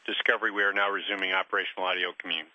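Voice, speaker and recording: Low-voiced guy on a hissy space radio link, talks quick and clipped, bright edge to it. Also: level tone. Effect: crackly space-to-ground radio link. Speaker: mission control communicator. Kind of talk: brisk radio call-out. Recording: hissy, muffled radio relay from far off.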